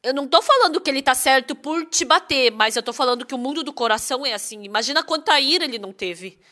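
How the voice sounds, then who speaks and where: High, bright-voiced woman interpreting a sermon. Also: quick pace. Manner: lively, asks rhetorical questions.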